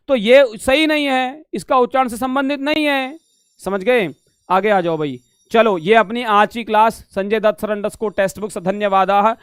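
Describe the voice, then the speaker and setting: High, crisp-voiced man teaching online. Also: dry recording, clean studio sound. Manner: repetitive, asks "samajh gaye?" often, calls students beta; drills questions back at the class. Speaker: Sanskrit teacher. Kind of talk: live online exam-prep lesson.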